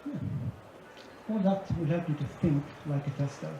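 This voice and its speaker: In a large conference hall, a man whose voice is on the high side delivers a presentation at a moderate pace, going through his points one after another. The recording is very noisy, echoey, and dull, with faint ambience.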